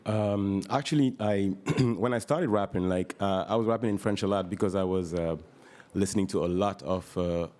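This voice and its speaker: A man's voice: low voice, moderate pace, a little mellow. A man from Senegal, a rapper guest talking casually on a live radio session, with many fillers and restarts. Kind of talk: casual interview talk.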